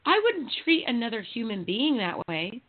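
A woman in her thirties hosts a casual chat, telling everyday stories in a candid, self-deprecating way. Her voice is a little high and sing-song at a moderate pace, and the audio sounds dull and phone-like.

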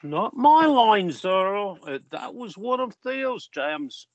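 Acting again as the teasing big brother in an amateur audio drama, the man jokes with his little sister in an exaggerated, high, sing-song voice at a slow pace. The audio is dull, without any room sound.

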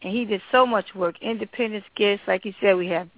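A woman's voice: mid-range voice, brisk, no echo. A woman author and genealogist chatting enthusiastically as a guest on a radio interview. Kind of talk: casual radio interview chat. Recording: tinny phone line.

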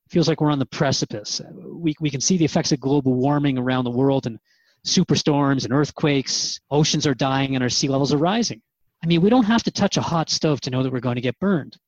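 In a radio drama series, a man acting as interviewer asks and answers questions with a hesitant, reflective air. His medium-pitched voice is a little mellow and fairly quick. The audio is dry and slightly dull, with no echo.

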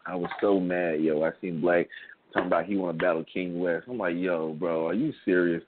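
A man's voice: deep voice, steady tone, fairly quick. A man in a casual chat telling a story emphatically, repeating himself and saying 'yo' and 'bro'. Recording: tinny phone line with hiss.

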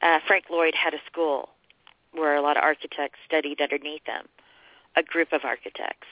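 A woman's voice: low-pitched, flat delivery, normal speed, no echo. A woman calling in to a show, chatting casually. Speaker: phone-in caller. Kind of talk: casual chat. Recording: dry narrow telephone line.

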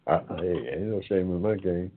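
A man in his seventies hosting an online talk forum, speaking in a casual monologue that is unhurried and reflective, with many pauses and drawn-out words. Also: deep voice. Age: 70s. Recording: tinny phone-line sound.

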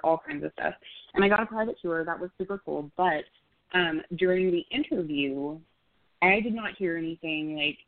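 A woman's voice: fairly low pitch, no echo. A woman in her thirties from Oklahoma, a podcast host telling a story in casual chat, with lots of "like" fillers. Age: 30s. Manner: chatty storytelling with many fillers. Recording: tinny phone-like call audio, dry.

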